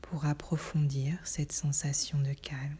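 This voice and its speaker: A woman whispering a guided relaxation in a soft, breathy, soothing voice, with slow delivery and long pauses. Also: low voice, level tone.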